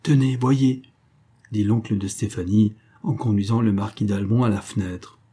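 A man narrating a classic novel as an audiobook in a calm, even reading. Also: fairly low pitch, normal speed, breathy edge.

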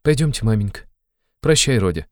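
A man reading an audiobook, voicing a proud, gentle but quick-tempered young woman with a soft, restrained delivery. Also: fairly low pitch, big pitch swings, no echo, studio quality, voice pushed up. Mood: worried, firm. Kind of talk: audiobook character voice.

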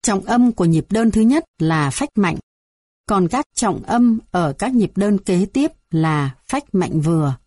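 A woman reading a music theory textbook aloud in an even, measured way, going through numbered items. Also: mid-range voice, no echo. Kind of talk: scripted textbook narration.

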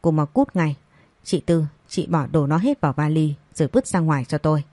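A woman's voice: deep voice, animated, brisk, warm tone, no echo. A woman voicing a harsh, domineering older mother-in-law in an audio story, speaking in a cold, commanding way.

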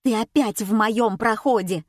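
A woman's voice: a little high, a little slow, no echo, studio quality. A woman voicing a rude, scornful female magician's assistant who snaps insults. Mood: snapping. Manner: snapping, insulting.

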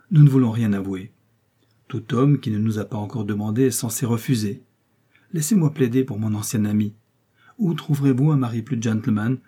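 Un homme qui prête sa voix à une femme vive et perspicace, taquine et câline, dans un livre audio. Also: male voice, medium pitch, mellow, slightly rough, natural voice. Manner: arch, coaxing, playful. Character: lively shrewd middle-aged woman, teasing invalid friend.

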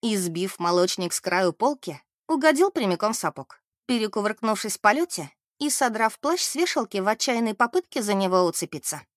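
A woman narrating a novel aloud in an expressive, measured way. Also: mid-range voice, dry recording, clean studio sound.

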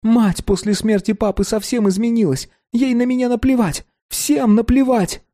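For an audiobook character, a man voices a vampire-obsessed boy of 15, eager and anxious, who tumbles through his words. His high, breathless voice pleads, staying earnest and hurried and climbing when excitement takes over.

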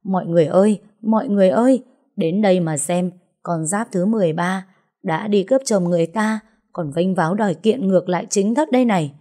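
A woman's voice: lowish voice, brisk, mellow, natural voice. A woman narrator voicing a furious, heavyset middle-aged wife who hurls insults in an audiobook story. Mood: wailing. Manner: screeching insults, theatrical wailing.

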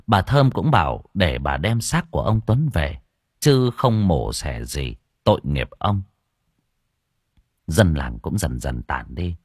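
A man narrating an audio story with expressive storytelling on a close mic. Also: sits low, slightly rough, no room sound.

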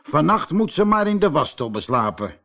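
An easygoing storybook fisherman, proud and jovial, as a male reader plays him. He speaks with a lively lilt and a slightly husky tone. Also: fairly high pitch, normal speed, full character voice. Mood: cheerful.

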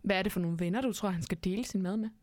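A woman's voice: mid-range voice, a little mellow, dry recording, studio quality. A woman co-host chatting casually about a story, asking questions and readily agreeing.

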